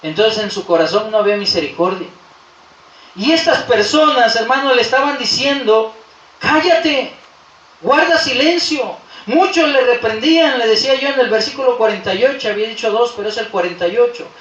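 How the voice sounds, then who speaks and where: A male pastor delivering a Sunday sermon in a notably high voice, rising to loud peaks and then dropping to soft, low asides. He is recorded from a distance in a roomy church hall that rings around him. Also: lively intonation, brisk, dull audio. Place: church sanctuary.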